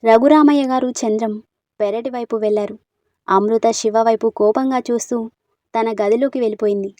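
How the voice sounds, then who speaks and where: A woman tells a storybook tale in a soft, unhurried reading. Her voice sits fairly high and sounds dry and close, with no room echo. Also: steady tone. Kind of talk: storybook narration.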